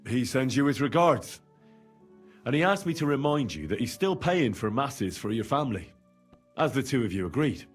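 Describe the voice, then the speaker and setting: A man's voice: mid-range voice, big pitch swings, moderate pace, husky, soft background music. A male actor playing a confident young medieval adventurer in a video game, courteous but secretive, speaking politely and with purpose. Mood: assured.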